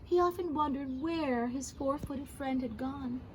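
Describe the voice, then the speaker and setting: Slow-paced, high-voiced woman reading a storybook. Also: a little hiss or hum, rough recording. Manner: addresses young listeners with gentle commentary. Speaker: storybook reader. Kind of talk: expressive children's read-aloud with asides.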